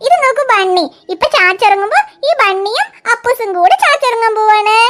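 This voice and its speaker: A woman's voice: very high voice, animated, a little fast, background noise. A woman voicing a fretful young cartoon mother. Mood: coaxing. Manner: coaxing, sing-song, fretful sighs. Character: young mother fussing over her crying toddler. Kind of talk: cartoon dialogue.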